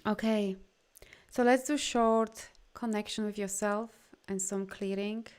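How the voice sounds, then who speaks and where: This energy healing coach, whose native language isn't English, hosts a live session with an informal, effusive and encouraging manner, frequently reading viewers' comments. Her voice is mid-range and clean, a little slow, with fairly even intonation.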